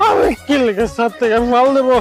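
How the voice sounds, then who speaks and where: A man's voice: very high-pitched, a little fast. A tipsy schemer in a Bangladeshi comedy drama. He speaks with a Bangladeshi accent in a pleading, protesting manner, over faint music. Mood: pleading, indignant.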